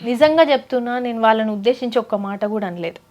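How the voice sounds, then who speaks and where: A woman's voice: a little high, fast, darkish tone. A young woman, a folk singer giving earnest, pleading interview answers, close to tears.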